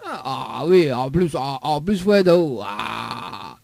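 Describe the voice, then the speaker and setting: A man's voice: medium pitch, very animated, takes it slowly, creaky, darkish tone, no echo. A man with a Réunion accent hosting a live call-in radio game, joking and teasing the caller and laughing often. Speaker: radio host.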